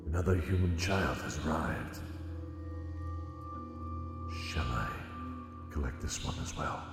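A gravelly, ominous giant tiger. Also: male voice, animated, heavily acted. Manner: slow, low, sinister. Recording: echoey long reverb with music.

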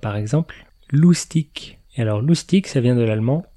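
A man's voice: mid-range voice, lively intonation, normal speed, mellow. Chatty man hosting a podcast. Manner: chatty, laughs at his own remarks. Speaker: podcast host. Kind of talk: casual explanatory chat.

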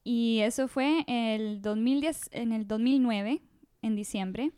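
A woman in her thirties with a fairly high, clean, smooth voice, recorded close and dry. She talks as a podcast guest, chatty and loose, often doubling back mid-sentence. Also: takes it slowly, warm tone, no room sound. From Costa Rica. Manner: chatty, with frequent restarts and fillers. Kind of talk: casual interview storytelling.

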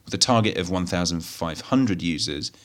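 A man hosting a scripted news roundup, reading in a steady, measured cadence. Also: deep voice. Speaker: host of a technology news roundup.

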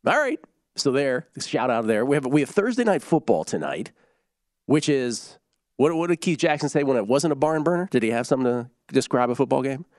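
A man's voice: medium pitch, very animated, a little fast, a little mellow, no echo, clean studio sound. Chatty male sports betting co-host. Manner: chatty, joking, rattles off scores and odds. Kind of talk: casual sports betting chat.

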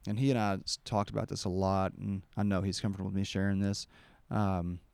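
A man with a low, gravelly voice tells a long story at an outdoor retreat, circling back and restarting his sentences. His voice stays smooth and clear, and the recording is close and dry. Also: level tone, brisk, a little mellow, no echo. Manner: rambling, with many restarts and acted-out quotes. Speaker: podcast host. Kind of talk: casual storytelling conversation.

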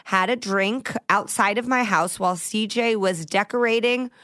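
A woman hosting a podcast in a studio, chatting playfully with quick banter and frequent laughs. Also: mid-range voice, a bit bright, dry recording. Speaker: podcast host. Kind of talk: casual chat.

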